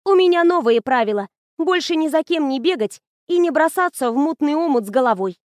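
A woman reading the lines of a lively young woman student who teases her friend in an audiobook. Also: high voice, a little fast, dry recording, studio quality, pitched above the performer's own voice. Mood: chatty. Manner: bubbly, teasing, animated.

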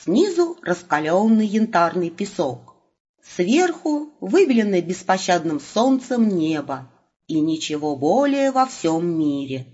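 A woman narrating an audiobook with a lively, ironic storytelling manner. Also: lowish voice, unhurried, husky. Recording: muffled lo-fi recording.

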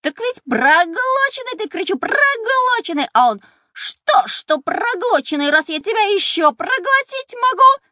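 A woman voicing an unknown small female creature who is chatty, boastful and cheeky, telling her tale with quick teasing energy in a radio play. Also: extremely high pitch, no echo, clean studio sound, exaggerated voice. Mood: storytelling. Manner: quick, teasing, lively storytelling.

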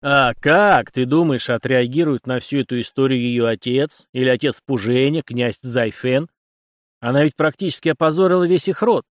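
A man's voice: medium pitch, moderate pace, no room sound, clean studio sound, close to an everyday voice. A man reading a stern commanding captain. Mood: scolding. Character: stern commanding middle-aged male captain.

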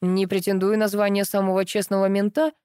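Woman reading as a calm male police officer. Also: medium pitch, brisk, smooth, no room sound, studio quality, lightly acted. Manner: calm, matter-of-fact reasoning. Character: level-headed adult male police officer, ex-husband. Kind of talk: audiobook dialogue reading.

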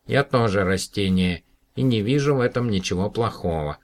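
A man's voice: fairly low pitch, animated, normal speed, pitched above the performer's own voice, natural voice. A man voicing a prim little alien plant. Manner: stiff and old-fashioned, like a little old man. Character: small formal alien plant space conqueror, male.

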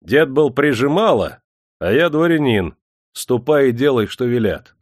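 A man's voice: medium pitch, fairly even intonation, moderate pace, dark tone, clear, resonant tone, no room sound, clean studio sound, lightly acted. A man voicing a domineering, cynical rich factory owner who barks commands, in a storybook reading.

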